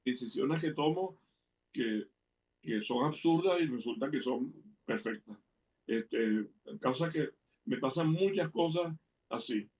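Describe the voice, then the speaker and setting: An older man with a Venezuelan Spanish accent, the interviewer's father, appears as a guest and tells anecdotes in an easy, playful way, acting out the people he quotes. His mid-range voice is animated and darkish, his pace slow, and he sits a little back from the distant mic.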